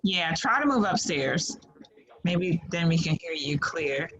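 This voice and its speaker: A woman's voice: on the low side, expressive, measured pace, a crowd in the background. A woman teaching an online class on a video call, patiently encouraging students and sorting out audio trouble. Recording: slightly muffled call audio, faint noise.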